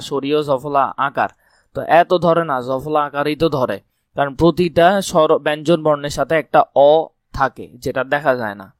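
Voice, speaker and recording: Hoarse man teaching exam prep. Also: a little high, no echo, studio quality. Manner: repeats key points as quick questions and answers. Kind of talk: exam-prep grammar lesson.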